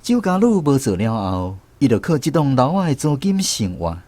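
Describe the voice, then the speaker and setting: Guitar music backs a radio-drama narration by a man with a Taiwanese accent, who plays a reflective storyteller remembering his apprenticeship. The medium-pitched voice is sing-song and darkish, at normal speed, with no echo.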